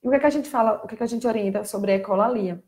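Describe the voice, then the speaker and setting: This fairly high-pitched, rapid-fire speaker is a Brazilian child speech therapist on a live stream. She keeps her explanations simple and casual, livening up when she mimics children, all in a Brazilian Portuguese accent.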